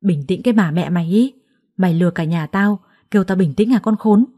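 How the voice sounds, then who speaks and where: A woman's voice: fairly low pitch, fairly quick, mellow, no room sound, studio quality, natural voice. Furious mother-in-law, middle-aged, abusive, screaming insults, a woman doing the voice. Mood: enraged.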